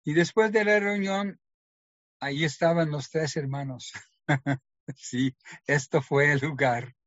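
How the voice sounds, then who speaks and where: A middle-aged man recounts his personal testimony, earnest and story-driven, slipping into the voices of others as he quotes them. His voice sits a bit high for a man. The recording is dry and slightly muffled. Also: takes it slowly, fairly bright tone, no echo. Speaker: testimony speaker.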